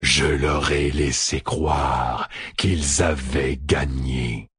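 A man voicing a dark malevolent entity that speaks from the shadows, low, slow and menacing. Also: fairly even intonation, husky, faint music behind, heavily acted. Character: dark malevolent male entity, cold and scheming.

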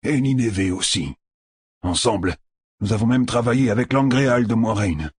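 A man's voice: lowish voice, lively intonation, normal speed, slightly rough, dry recording, voice pushed up. A man reading an audiobook voices a despairing male healer with a muffled, hopeless way of speaking. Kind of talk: audiobook character voice.

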